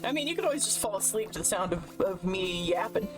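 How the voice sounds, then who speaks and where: A woman's voice: medium pitch, lively intonation, fast talker, music in the background. A woman streaming live from her desk at home, chatting in a rambling, casual way and laughing often.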